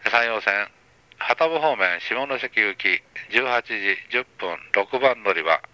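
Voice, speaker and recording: A man working as train conductor, giving brisk, formal announcements with small hesitations over an onboard speaker. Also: lowish voice, animated, bright, forceful tone, dry recording, highs cut off.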